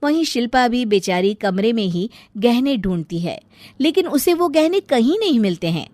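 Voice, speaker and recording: A woman narrates a scripted family tale in an expressive storytelling way. Her pitch moves lively, and the sound is dry and close. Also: moderate pace, dry recording.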